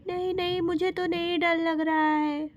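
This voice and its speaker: A woman's voice: very high-pitched, flat delivery, measured pace, highs cut off. A woman voicing a cheerful, eager little girl in a doll story.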